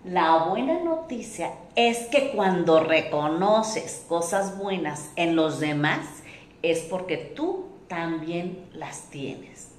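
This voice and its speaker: A woman giving a self-help talk, deliberate, repeating lists and acting out quoted remarks. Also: lowish voice, lively intonation, roomy sound, a little hiss or hum. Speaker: motivational speaker.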